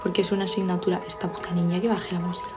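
A woman's voice: lowish voice, flat delivery, rapid-fire, over music. A young woman from Spain chatting on a live stream from home, teasing viewers and reading their comments aloud. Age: young adult. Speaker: livestreamer. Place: home, studying.

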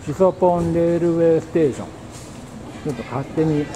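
Male travel vlogger, a bit higher voice, casual thinking-aloud narration, recorded on a camera mic outdoors with birds and traffic. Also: brisk, mellow, rough recording. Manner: muses aloud, thinking as he goes. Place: outdoors at a small rural train station. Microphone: handheld camera mic.

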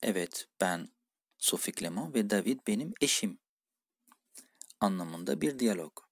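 A man's voice: sits low, lively intonation, a little slow, breathy edge, dry recording, clean studio sound. A man teaching a language lesson, reading each dialogue line and then translating and explaining it. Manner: reads lines in one language, then translates them. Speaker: French teacher.

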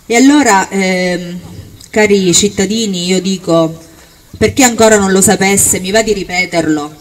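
Female rally speaker, mid-pitched, projected emphatic delivery, recorded outdoors at some distance. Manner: emphatic oratory, projected, with deliberate listing phrases. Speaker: political candidate or activist at a rally. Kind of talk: public campaign speech. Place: outdoor town square. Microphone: handheld-type microphone on a stand, amplified. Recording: distant outdoor capture, faint background noise.

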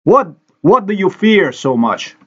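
A man's voice: high voice, big pitch swings, measured pace, husky, highs cut off. A man from Slovenia, a native Slovenian speaker, giving an angry, accusatory, repetitive monologue over a screen recording.

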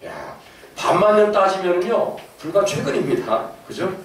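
A middle-aged man giving a lively lecture to an audience, with laughing asides and questions to his listeners. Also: high-pitched, normal speed. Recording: echoey hall, from far off, faint noise.

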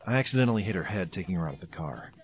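A man's voice: sits low, expressive, rapid-fire, a little hiss or hum. An actor playing a conflicted young male henchman who turns protector, pleading and emotional. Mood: menacing. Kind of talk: dramatic storytime voice-over.

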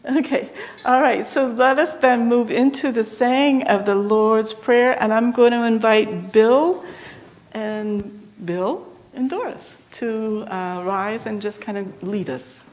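A woman pastor leading prayers in a church service, gentle and unhurried, with informal asides to the congregation. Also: fairly high pitch, long reverb tail, low-quality recording. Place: church sanctuary.

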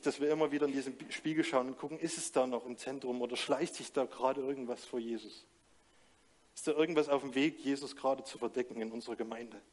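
Male preacher, earnest and direct, mid-range voice, questions the congregation. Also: mid-range voice. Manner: earnest, direct address with frequent rhetorical questions and restarts. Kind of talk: sermon with closing prayer.

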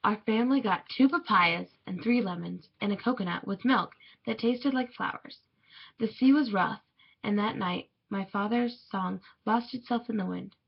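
A woman reading a children's picture book aloud in a measured, expressive way. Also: medium pitch, creaky, slightly rough. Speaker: storybook reader. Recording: dull lo-fi recording.

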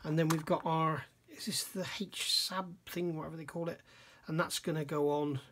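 Speaking at a moderate pace with fairly even intonation, a middle-aged man with a fairly high, fairly bright voice thinks aloud while reviewing a scale model kit at his indoor workbench. The casual, hands-on talk is musing and admiring, full of questions he puts to himself.

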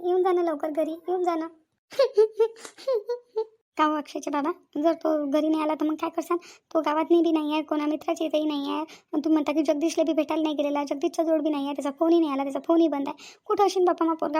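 A very high, thin voice belongs to a frantic young village bride in a cartoon, with a woman putting her on. She pleads and repeats herself, guilty and close to tears. The pitch sits far above an ordinary speaking voice. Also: fairly even intonation, fast talker, darkish tone. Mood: pleading. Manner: pleading, repetitive wailing. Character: anxious young village daughter-in-law, tearful, guilty. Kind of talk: cartoon voice acting.

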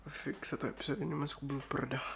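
A man's voice: mid-range voice, steady tone, fast talker, gravelly, fairly bright tone, a little hiss or hum. A man with an Indonesian accent doing a whispered role-play as a teasing boyfriend, swearing and laughing between lines. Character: playful boyfriend bothering his partner. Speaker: ASMR roleplay creator.

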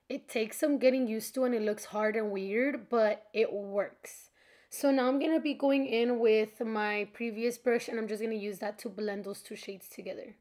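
Slightly congested from allergies, a young woman narrates a makeup tutorial in a chatty, informal way, addressing viewers warmly. Her voice is medium in pitch with a darkish tone.

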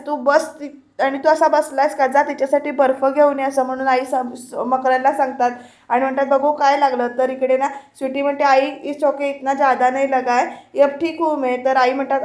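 A woman's voice: high voice, roomy sound. A woman narrating a voice-over review of a TV serial, quoting each character's lines and addressing her viewers directly. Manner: retells scenes, quoting each character's lines with little change of voice. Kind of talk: voice-over retelling of a TV serial episode.

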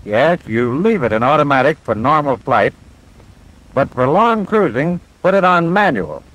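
His voice a little high, a bit bright, and very animated, a man explains cockpit controls at a moderate pace as a patient, confident instructor pilot. The clear, methodical, instructive delivery follows the style of a 1940s military training film. The vintage soundtrack recording has its highs cut off.

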